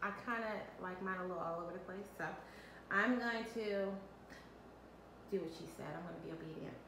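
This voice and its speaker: A woman's voice: fairly low pitch, fairly quick. A woman in her thirties leading a home cooking demo with her kids, upbeat and coaching them step by step, recorded in an echoey kitchen with faint background noise. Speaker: mother leading a kids' cooking segment. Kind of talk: home cooking demonstration with children. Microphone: camera mic from a few feet away.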